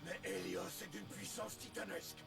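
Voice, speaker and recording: A man voicing a proud, combative dragon creature in a French anime dub, gravelly, dramatic and emphatic. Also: sits high, wildly swooping pitch, normal speed, full character voice. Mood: indignant. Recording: music behind the voice.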